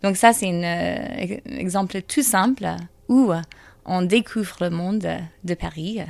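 A woman teacher answering interview questions hesitantly, pausing and restarting often. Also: medium pitch, gravelly, a little mellow, no room sound. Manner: hesitant, many fillers and restarts.

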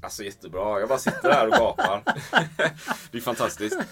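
A man's voice: medium pitch, huge pitch swings, fairly bright tone, husky, soft background music. A man hosting a conversation, reflecting thoughtfully and encouraging his guest. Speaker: podcast host. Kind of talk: casual conversation.

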